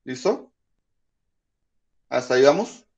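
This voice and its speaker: Patient teacher, lo-fi call audio. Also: male voice, mid-range voice, animated, takes it slowly, gravelly. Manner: patient, checks in often with "¿listo?". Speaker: high school physics teacher. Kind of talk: online class lecture.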